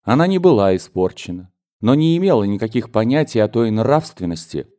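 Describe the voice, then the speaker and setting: A man narrating a classic novel as an audiobook in a measured, even reading. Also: mid-range voice.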